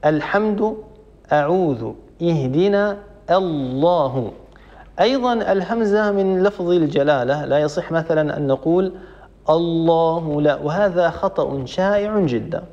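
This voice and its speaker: A sheikh teaching Quran recitation rules, explaining a poem line by line, repeating points and slowly drawing out example words. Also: male voice, on the high side, animated, a little mellow, highs cut off. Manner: repeats points for emphasis, with hesitation fillers.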